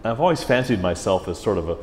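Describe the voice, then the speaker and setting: A middle-aged man, a music director in an interview, telling stories in a chatty, animated way. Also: fairly low pitch, fast talker. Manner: chatty, animated, slips into mimicked voices. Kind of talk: casual interview storytelling. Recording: roomy hall echo with faint ambient hiss.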